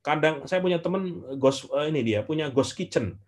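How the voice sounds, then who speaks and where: A man, answering questions as guest speaker in an online class, telling stories in a lively way with frequent "eh" fillers. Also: fairly high pitch, moderate pace. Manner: animated storyteller with frequent "eh" fillers.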